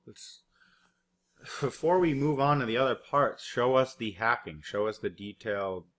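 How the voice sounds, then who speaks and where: A man's voice: medium pitch, moderate pace. A man doing a mocking, rambling reaction commentary over news clips, cursing and heavy on fillers. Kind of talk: profane sarcastic reaction commentary.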